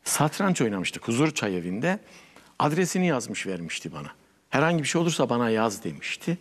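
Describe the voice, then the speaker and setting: A man's voice: mid-range voice, brisk. Older guy spinning a story, voice jumping all over, echoey studio. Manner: animated storyteller acting out dialogue. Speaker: guest, poet and writer. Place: television studio.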